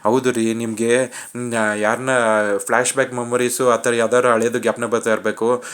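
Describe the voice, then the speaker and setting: A gentle young wife, worried and consoling, read out by a man. The voice stays plain, middle-pitched and flat, with no change to sound like a woman. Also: normal speed, clean tone, lightly acted. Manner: soft and consoling.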